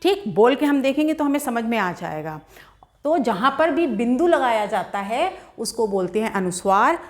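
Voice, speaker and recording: A woman gives a school grammar lesson in a patient, teacherly way. She speaks straight to her students and slows down to sound out each example word syllable by syllable. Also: on the high side, very animated. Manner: patient, addresses children directly, sounds out words slowly. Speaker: Hindi teacher.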